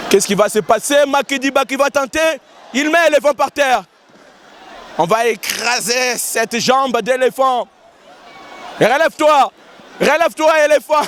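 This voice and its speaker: A man with a hoarse voice, giving live, excitable commentary at an outdoor wrestling gala and often repeating his lines. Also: very high-pitched, slight background noise. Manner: excitable, shouting, repeating phrases. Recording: outdoor event with loud crowd and music.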